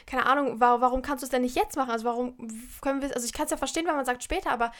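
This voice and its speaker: Fast, high-voiced emphatic young woman. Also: fairly even intonation, a bit bright. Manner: emphatic, heated, lots of filler words. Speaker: vlogger. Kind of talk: casual chat to viewers.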